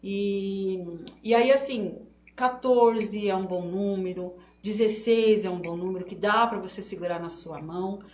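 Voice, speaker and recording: A woman's voice: medium pitch, measured pace, darkish tone. A middle-aged woman teaching embroidery stitches in a live online class, explaining step by step and often checking that viewers follow. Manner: chatty, explains step by step with many checks like "tá certo?". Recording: roomy echo, faint noise.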